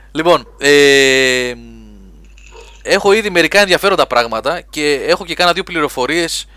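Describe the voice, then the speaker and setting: A man hosting a live gaming webcast, chatting lively and reading listener questions aloud. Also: a little high, pauses often, no echo. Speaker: podcast host.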